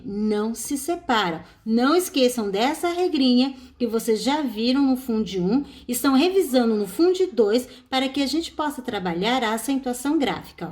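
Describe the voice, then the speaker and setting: A Brazilian woman teacher giving a recorded online lesson, with a Brazilian Portuguese accent. Her voice sits fairly high and rises and falls a great deal. She explains step by step and leans on each example word.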